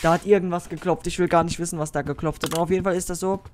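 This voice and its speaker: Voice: mid-range voice, fairly even intonation, racing, background noise. Jumpy slang-heavy horror gamer. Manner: jumpy, easily startled, swears and uses youth slang; talks directly to viewers. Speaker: gaming YouTuber. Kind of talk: horror game let's play commentary.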